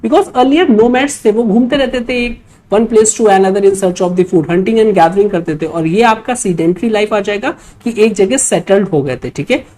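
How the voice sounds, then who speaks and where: Over a rough recording, a woman speaks in a mid-range, warm, unhurried voice with an Indian accent. She's a history teacher preparing students for exams, explaining quiz questions step by step and regularly checking in with brief tags.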